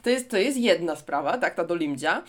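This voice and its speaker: A woman's voice: fairly low pitch, animated, normal speed. A woman from Poland co-hosting a casual podcast chat, explaining things at length and addressing listeners directly. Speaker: co-host.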